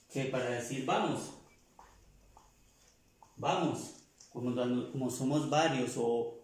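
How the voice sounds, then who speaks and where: A male French teacher with a mid-range, slightly mellow voice patiently walks through pronunciation, repeating every sound several times in a slow classroom explanation. He's off-mic, and the room echoes.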